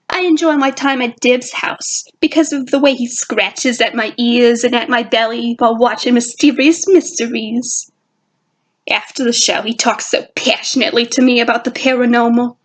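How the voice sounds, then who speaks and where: A woman's voice: fairly high pitch, close to an everyday voice, rough recording. A woman narrating her fan fiction in a put-on jazzy girl voice. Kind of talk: fan fiction audio reading.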